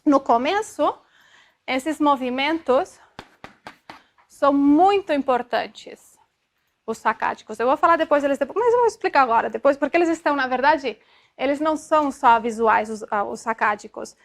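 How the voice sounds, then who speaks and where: High-voiced woman lecturing a class. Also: expressive, normal speed. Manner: explanatory, checks in with frequent tag questions; demonstrative, sounds out syllables to illustrate. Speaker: optometry lecturer.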